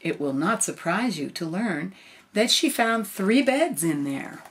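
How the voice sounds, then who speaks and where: An older woman reading a storybook aloud in a gentle grandmotherly way, adding casual asides. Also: mid-range voice, sing-song, measured pace.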